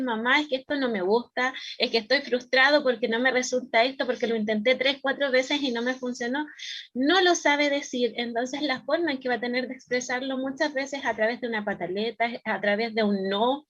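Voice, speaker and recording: A high-pitched woman with a Chilean accent gives a church teaching on raising children. She speaks calmly and explains things step by step, and now and then she acts out a small child's voice to make her point. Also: a little fast, dull audio. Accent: Chilean Spanish.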